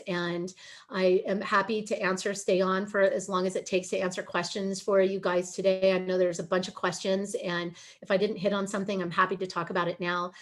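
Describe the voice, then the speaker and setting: A woman giving an earnest, pleading webinar presentation over a video call. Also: mid-range voice. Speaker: guest speaker on a webinar. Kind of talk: emotional presentation.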